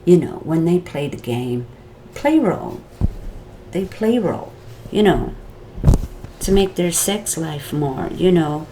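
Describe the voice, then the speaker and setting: Speaking slowly with frequent pauses, a woman with a deep, expressive voice and a Wisconsin accent tells her viewers about a day at a court trial. She rambles chattily, wandering off topic and coming back around. Background noise is audible.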